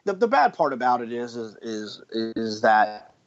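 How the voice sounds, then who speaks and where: A man co-hosting a horse racing podcast, telling a story with energy and lots of quick restarts. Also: mid-range voice, lo-fi sound. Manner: animated storyteller with frequent restarts. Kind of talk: casual podcast chat.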